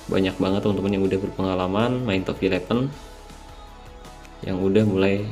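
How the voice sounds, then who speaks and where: This is a casual tutorial voice-over from a mobile game channel, where a sleepy young man explains strategy and keeps saying "guys" to his viewers. It's late at night, and his slightly nasal voice is low-pitched and a little mellow.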